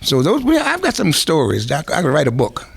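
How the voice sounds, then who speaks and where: Older man with a gravelly, high-set voice. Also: huge pitch swings, brisk. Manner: rambling, with many restarts and asides. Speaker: veteran musician guest. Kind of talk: anecdotal interview storytelling.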